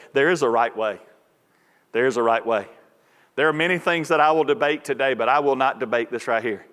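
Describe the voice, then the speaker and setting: A man preaching a sermon as pastor, moving from folksy storytelling into loud, fervent preaching. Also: mid-range voice. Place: large church sanctuary. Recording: reverberant church hall.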